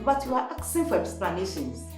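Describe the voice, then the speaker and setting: An actress playing a young fiancée who pleads and defends herself in an exasperated way. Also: female voice, medium pitch, big pitch swings, fairly quick, lightly acted. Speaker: accused fiancée. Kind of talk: Ghanaian film acting. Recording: echoey room with faint music score.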